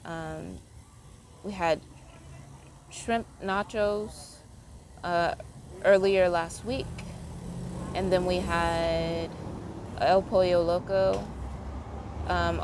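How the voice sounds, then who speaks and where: Tired woman rambling, low voice. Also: a little mellow, slight background noise. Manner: meandering, heavy use of "like" fillers. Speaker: vlogger. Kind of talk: casual rambling monologue.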